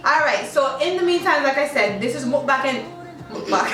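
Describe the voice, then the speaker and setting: A young woman with a high voice hosts a casual eating chat, hamming up a fake English accent and cursing cheerfully. She sounds set back from the mic in a roomy space, with clear music playing behind her. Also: lively intonation, moderate pace, recorded from a distance. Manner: attempting a fake English accent, playful and profane. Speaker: YouTube host. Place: room shared with friends, eating at a table.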